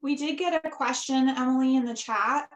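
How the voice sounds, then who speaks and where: A woman's voice: high-pitched, normal speed, reverberant, faint music behind, low-quality recording. A woman moderating an online session, passing a question from the chat to the presenter in a conversational way. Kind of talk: reading audience questions.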